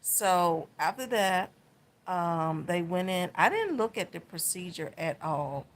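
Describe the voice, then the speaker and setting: A woman's voice: lowish voice, sing-song, takes it slowly, a little hiss or hum. A middle-aged woman vlogging, recounting a personal experience in a heartfelt, emotional way. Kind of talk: personal health vlog story.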